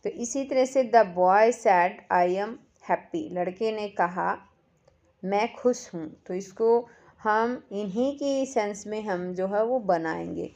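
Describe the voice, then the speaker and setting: A woman teacher, reading English workbook lines slowly and explaining them in Hindi. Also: medium pitch, a little mellow. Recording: dull lo-fi recording.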